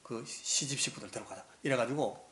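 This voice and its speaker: A man's voice: medium pitch, fairly quick, a bit bright, slight background noise. A male pastor preaching a sermon, telling the story vividly and acting out the scenes.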